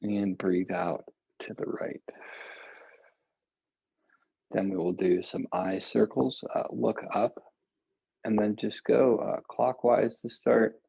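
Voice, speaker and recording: Calm male breathwork guide, unhurried and low, husky grain, dull lo-fi home recording. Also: dry recording. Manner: slow, calm, relaxed with casual asides. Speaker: meditation and yoga guide. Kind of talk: guided breathing and stretching instruction. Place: home, seated on a meditation cushion.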